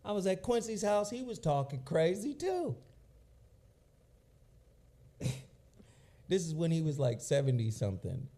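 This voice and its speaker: A man in his forties hosting a casual chat, telling profane, animated stories and mimicking people. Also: fairly high pitch, a little slow, long pauses. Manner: animated, profane, acts out quoted voices. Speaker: podcast host.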